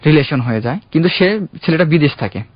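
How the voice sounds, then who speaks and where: A young man calling in to a radio show, earnestly recounting his own love story in a halting, heartfelt way. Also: on the high side, expressive, no room sound. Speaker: caller. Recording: dull, dry radio studio sound.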